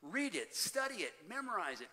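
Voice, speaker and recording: This sermon comes from a pastor with a high-pitched, sharp voice full of big pitch swings, speaking emphatically and often addressing the congregation as loved ones. His delivery rises and falls with pauses, and the church hall gives the recording noticeable reverb.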